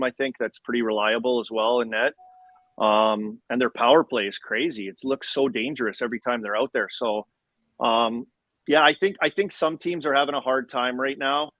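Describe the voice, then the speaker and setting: A man's voice: medium pitch, no room sound, lo-fi sound. A man talking casual sports as a slangy, chirpy hockey bro ex-player. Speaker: former hockey player guest.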